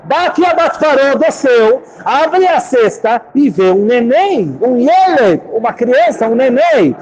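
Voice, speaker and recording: Guy giving a torah class, high lively voice, chants hebrew lines slow then explains, dull muffled recording. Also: slight background noise. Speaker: rabbi teaching Torah.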